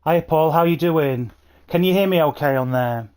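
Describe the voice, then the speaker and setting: A man enthusiastically chats with viewers by name while livestreaming a bus game on a console at home, talking into a new gaming headset. His voice is on the high side, darkish, clear, and resonant, at a normal speed.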